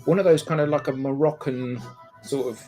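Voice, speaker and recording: A man's voice: medium pitch, fairly even intonation, a little fast, warm tone. Man musing over guitar sounds. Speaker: podcast co-host. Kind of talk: casual music chat.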